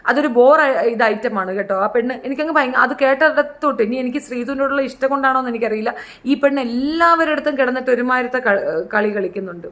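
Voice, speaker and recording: Brief: middle-aged woman, high voice, opinionated casual commentator who mimics people. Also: fast, a bit bright. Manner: chatty, opinionated, acts out quotes in high voices. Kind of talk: casual reality show commentary.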